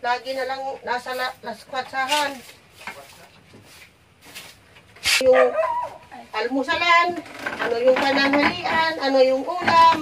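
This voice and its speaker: A woman's voice: high voice, very noisy. A woman playing an overworked, exasperated village mother in a drama, kvetching and nagging in long repetitive complaints. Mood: grumbling, fed up. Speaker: actor in an amateur short film. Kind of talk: naturalistic family drama acting.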